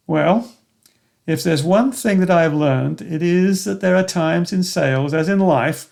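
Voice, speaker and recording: Older male memoir narrator, slightly higher-pitched, earnest and reflective, first-person storytelling. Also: creaky, darkish tone. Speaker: narrator of his own memoir.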